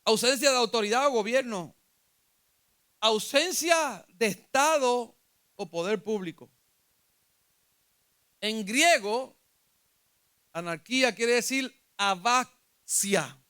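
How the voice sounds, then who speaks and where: A man's voice: very high voice, animated, takes it slowly, long pauses, pushed and bright, clear, resonant tone. A man with a Puerto Rican accent preaching a sermon as pastor, asking his congregation questions and rising when he retells scripture. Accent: Puerto Rican Spanish.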